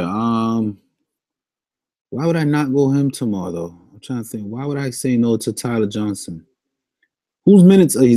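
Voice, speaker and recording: A man's voice: medium pitch, warm tone, dry recording. A man giving a casual fantasy sports breakdown, thinking aloud and repeating his picks. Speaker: daily fantasy sports analyst.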